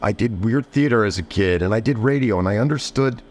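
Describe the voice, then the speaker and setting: Animated, fast-talking man telling stories. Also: lowish voice. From New Jersey. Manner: animated storyteller, acts out customers in raised voices. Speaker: pork roll shop owner, guest. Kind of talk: casual podcast conversation.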